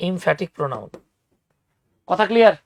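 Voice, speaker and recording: A young man teaching spoken English in an online class, lively and teasing, explaining patiently with examples. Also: sits high, brisk, creaky, slight background noise.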